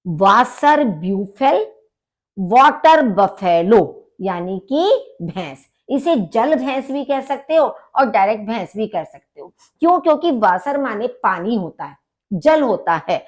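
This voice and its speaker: A woman teaching a vocabulary lesson, repeating each word carefully and explaining pronunciation. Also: on the high side. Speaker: language teacher.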